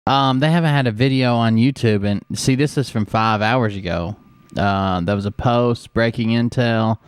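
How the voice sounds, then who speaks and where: A man's voice: medium pitch, normal speed, clear, resonant tone, no room sound. A man hosting a show, talking bluntly and mocking, swearing freely in casual commentary. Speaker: show host reacting to a clip.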